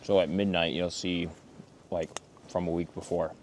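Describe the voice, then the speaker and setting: A man's voice: low voice, moderate pace. A laid-back man casually chatting outdoors by a campfire in the snow, chuckling often between remarks. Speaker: channel co-host. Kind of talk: casual chat. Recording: outdoor recording with steady background noise.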